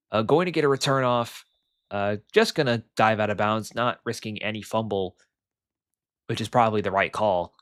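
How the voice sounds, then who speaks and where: A man's voice: lowish voice, smooth, no room sound, studio quality. Young man rambling through game commentary. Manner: excitable, rambling with many fillers. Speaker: play-by-play commentator.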